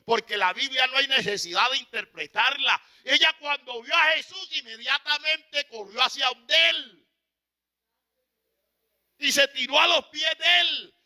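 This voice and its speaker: High, piercing male preacher. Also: lively intonation, measured pace. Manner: impassioned, swings from loud to hushed. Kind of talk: sermon.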